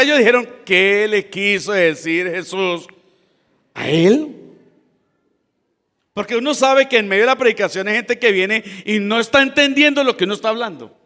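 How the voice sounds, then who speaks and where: High-voiced man preaching in a reverberant hall. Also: a bit bright. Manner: explains scripture plainly, addresses listeners as brothers. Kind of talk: sermon.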